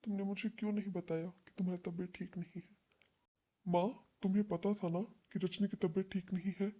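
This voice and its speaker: Brief: woman doing a young married son, warm and dark-toned, anxious then stern. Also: medium pitch, level tone, fairly quick, close to an everyday voice. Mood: reproachful. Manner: urgent, reproachful. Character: worried young husband and son. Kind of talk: home-made short drama.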